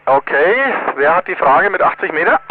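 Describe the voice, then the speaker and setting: A man with a fairly high voice comes over a walkie-talkie, thin and narrow-band. The sound is dry, without room echo. He runs a casual radio check-in with brisk, clipped procedure. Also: big pitch swings. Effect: two-way radio, walkie-talkie. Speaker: amateur radio net controller. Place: closed container.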